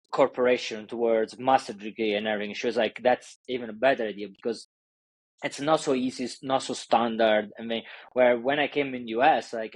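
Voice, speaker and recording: A man with an Italian accent, talking as an interview guest and business coach. His English is loose and full of fillers and restarts, at a middling pitch. The recording is close and dry. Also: husky, no echo, rough recording. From Italy. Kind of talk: casual interview talk.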